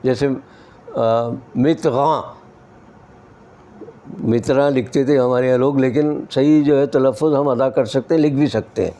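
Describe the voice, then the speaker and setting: A man's voice: mid-range voice, fairly even intonation, pauses often, dark tone. An older man from Pakistan, a humor columnist, tells conversational anecdotes about language with wry humor and mimics mispronunciations. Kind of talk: relaxed anecdotal talk on language.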